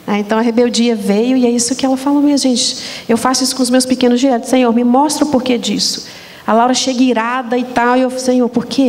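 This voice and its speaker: Woman, Brazilian Portuguese accent, fairly high voice, animated storytelling, church stage talk show host. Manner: animated storytelling, addresses audience as "gente".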